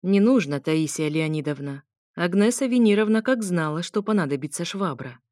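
A woman's voice: on the low side, animated, moderate pace, darkish tone, dry recording, clean studio sound, natural voice. A woman voicing a polite, formal male butler in an audiobook, with a deferential, mannered delivery.

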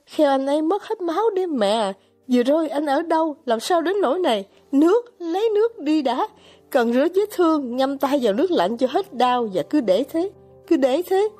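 A high, wildly swinging girlish voice that is capricious and commanding, firing off urgent orders in an audiobook scene, as a woman reader puts her on. The tone stays mellow and soft-edged even at its sharpest. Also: breathy edge, heavily acted. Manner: urgent, bossy, near-shouting pleas. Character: young girl, feverish, capricious and commanding. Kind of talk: audiobook character voice.

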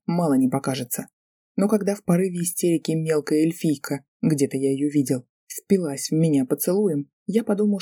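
Mellow husky woman reading an audiobook. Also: sits low, no echo, clean studio sound. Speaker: audiobook reader. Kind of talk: scripted audiobook narration.

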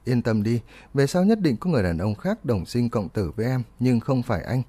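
Guy reading calm cool young dude, offhand, mellow low voice. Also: a little fast, slightly rough. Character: cool, aloof young man hero.

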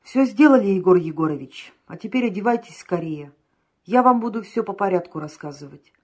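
Woman doing a brisk, cheerful male messenger. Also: medium pitch, expressive, close to an everyday voice. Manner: brisk, urging. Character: brisk, cheerful man bringing news. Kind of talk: audiobook reading.

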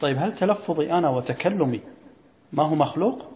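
Brisk sheikh, fairly high voice, quizzes his class, echoey lo-fi hall recording. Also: expressive, darkish tone. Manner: quizzes students, repeats key phrases. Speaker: sheikh teaching a creed text. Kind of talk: classroom lesson.

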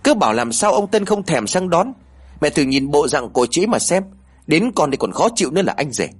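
A man voicing a young man, a nosy and uneasy brother who talks in a quick, gossipy, excited way. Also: a little high, breathy edge, voice pushed up. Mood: complaining.

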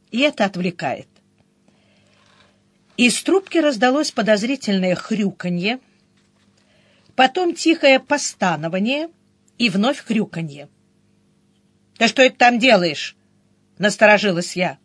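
A woman's voice: fairly high pitch, fairly bright tone, no room sound. A woman reading a first-person story aloud in a dry, ironic storytelling manner. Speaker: audiobook narrator. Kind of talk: scripted first-person narration.

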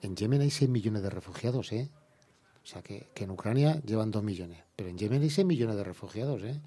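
A man's voice: fairly low pitch, animated, brisk, warm tone, breathy edge. Indignant Andalusian man, heated rhetoric. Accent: Andalusian Spanish. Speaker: environmental activist guest. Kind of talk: radio interview.

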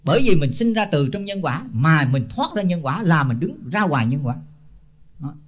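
A man's voice: fairly high pitch, very animated, moderate pace. An older man, a senior Buddhist monk giving a blunt, scolding sermon full of rhetorical questions. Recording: dull lo-fi tape.

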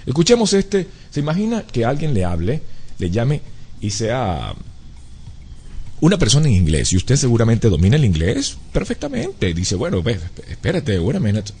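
A man's voice: lowish voice, mellow, breathy edge. A man hosting a live radio show, reading an ad and repeating addresses and phone numbers, slipping into English at times. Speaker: radio host. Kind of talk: live radio talk with ad reads.

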